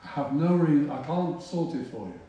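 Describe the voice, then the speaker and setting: A man tells a story from the pulpit in a chatty, self-mocking way. His voice is mellow and warm. He sounds set back from the microphone in a very echoey hall. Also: on the high side, lively intonation, fairly quick, distant mic, dull audio. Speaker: preacher. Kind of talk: storytelling sermon. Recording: roomy hall, voice from off-mic.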